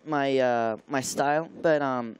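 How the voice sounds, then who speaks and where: A young man who grew up in Taiwan, answering studio interview questions as a motocross rider, halting and searching for words with many fillers. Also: mid-range voice, a little hiss or hum. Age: young adult.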